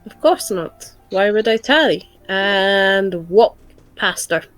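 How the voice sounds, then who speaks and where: A woman's voice: mid-range voice, expressive, slow, fairly bright tone. A woman taking part as a player in a tabletop game, chatting playfully and speaking in character. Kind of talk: casual chat and in-character play. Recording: dry with faint background music.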